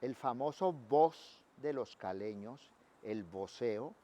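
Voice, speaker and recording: Mellow-voiced Colombian expert. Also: male voice, medium pitch, animated, takes it slowly. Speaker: expert interviewee.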